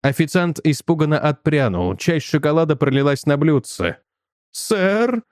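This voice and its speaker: Brief: male reader, slightly higher voice, measured storytelling, dry close mic. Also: expressive, darkish tone, no room sound. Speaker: audiobook reader. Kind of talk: scripted narration.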